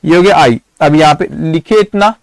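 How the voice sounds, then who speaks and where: High-voiced male accounting teacher. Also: normal speed, creaky, no echo. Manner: coaxing, asks students questions and answers himself. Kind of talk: live online lecture.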